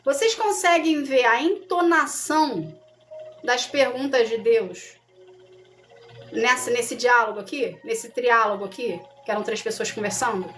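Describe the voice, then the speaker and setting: A woman's voice: fairly high pitch, measured pace, a bit bright, faint music behind. A Brazilian woman, a missionary, teaching a casual Bible study in a conversational way and often checking that her listeners follow.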